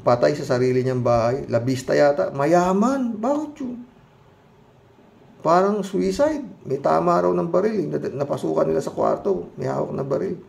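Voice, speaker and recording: Gravelly-voiced middle-aged man, emphatic. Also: on the high side, normal speed, few pauses. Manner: emphatic, heated rhetorical questions, frequent "oh" interjections; quieter and more subdued when reading comments and signing off. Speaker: commentary vlogger reading viewer comments. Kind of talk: casual spoken commentary to viewers.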